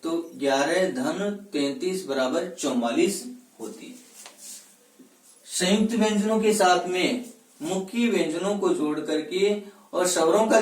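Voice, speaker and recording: A man teaching Hindi grammar in a classroom-style lecture. He asks questions and answers them himself, and he sounds out letters slowly one at a time. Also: on the high side. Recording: echoey room, voice from a distance.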